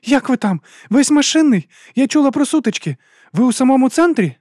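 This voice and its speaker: A woman's voice: sits high, big pitch swings, a little fast, dark tone, no room sound, clean studio sound, voice pushed up. A male audiobook reader voicing a desperate young woman calling over a radio, speaking in urgent, breathless pleas. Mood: anxious.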